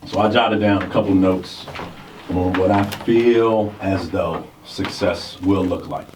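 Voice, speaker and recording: Deep-voiced and slow, this forties-aged radio co-host keeps his intonation fairly even as he chats in an easygoing way. His mic sits at a distance in a roomy studio, and a faint hiss runs underneath.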